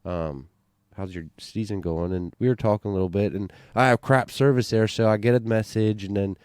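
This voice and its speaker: A man's voice: lowish voice, fast talker, a little mellow, smooth, no echo, studio quality. A man in casual podcast chat, telling a story in a rambling way with lots of fillers and restarts. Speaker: bowhunter on a hunting podcast.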